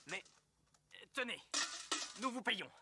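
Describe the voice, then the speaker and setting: A man's voice: high-pitched, sing-song, slow pace, very noisy, exaggerated voice. An actor playing an ambitious, scheming young man hungry for wealth in a French martial arts film dub. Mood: fawning.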